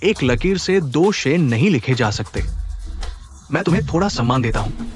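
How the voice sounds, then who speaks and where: A man's voice: medium pitch, animated, normal speed, faint music behind, natural voice. An actor playing a greedy, scheming uncle who mocks and threatens his niece, in a dubbed drama. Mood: sneering. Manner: mocking, contemptuous. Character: sneering greedy middle-aged uncle villain. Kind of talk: Hindi-dubbed drama acting.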